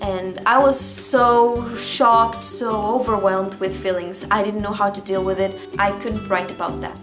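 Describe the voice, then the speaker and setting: A woman's voice: medium pitch, steady tone, measured pace. A woman in her late teens speaking English as a second language, talking candidly and expressively in a casual personal vlog as she reads from her diary. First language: not English. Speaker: vlogger. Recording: roomy echo, music behind. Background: music.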